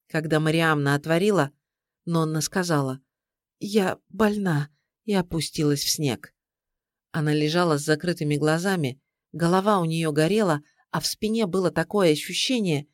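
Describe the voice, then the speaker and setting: Calm man narrating an audiobook. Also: fairly high pitch, no echo, studio quality. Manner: calm, measured storytelling.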